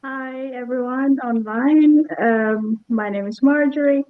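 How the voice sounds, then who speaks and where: A woman from the Philippines introducing herself, slow and soft with many ums. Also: high voice. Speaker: student ambassador. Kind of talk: self-introduction. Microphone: video call. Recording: thin phone-like video call.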